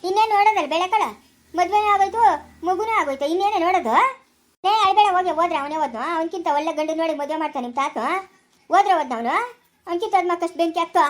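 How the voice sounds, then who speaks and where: A woman playing a sharp-tongued grandmother in a village family drama, loud and scolding. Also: extremely high pitch, very fast. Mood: angry. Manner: loud, scolding, calls people names. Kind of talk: amateur village drama acting.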